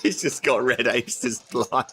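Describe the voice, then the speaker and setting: A man's voice: medium pitch, slow, fairly bright tone. A man giving chatty live poker commentary, incredulous and emphatic, with a bantering manner.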